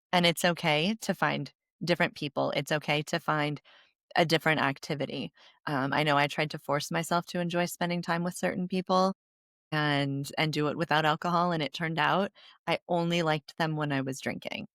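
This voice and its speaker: A woman hosts a podcast, sharing her thoughts in a reflective, measured way. Her voice sits very low with a gravelly edge, and it is recorded dry and close. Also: fairly bright tone, dry recording. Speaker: podcast host. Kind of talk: casual chat.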